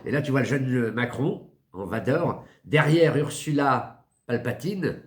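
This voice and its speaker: A man's voice: medium pitch, unhurried. French man in a mocking, rambling monologue. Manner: mocking, rambling and crude, with many fillers. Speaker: satirical commentator. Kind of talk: casual satirical monologue.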